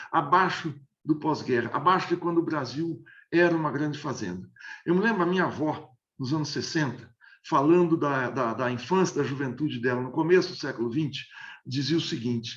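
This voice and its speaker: This man in his sixties comes from inner São Paulo state, Brazil, and his voice is a little high, a little fast and a bit bright, in an echoey room. Appearing as an interview guest, he gives long explanatory analysis in conversation, full of hesitations and repeated restarts. The audio is dull and lo-fi.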